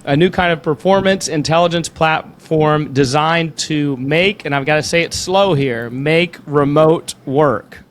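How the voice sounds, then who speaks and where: A man hosting a podcast conversationally, informal and joking, with a halting delivery. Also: fairly high pitch, fairly bright tone, a little hiss or hum. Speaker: podcast host.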